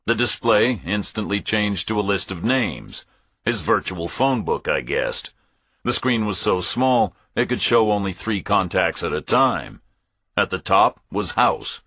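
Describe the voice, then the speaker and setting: A man narrates a first-person thriller audiobook in a fairly low voice that is raspy with a forceful edge. His phrasing is measured, as in scripted narration, and the recording is dry and close.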